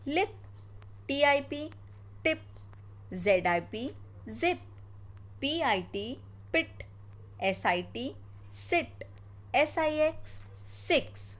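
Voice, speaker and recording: बच्चों को धीरे-धीरे फ़ोनिक्स सिखाती भारतीय लहजे वाली महिला. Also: female voice, high-pitched, very animated, fairly bright tone. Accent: Indian. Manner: slow, drawn-out sounding of letters and words. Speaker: teacher. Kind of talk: phonics lesson for children.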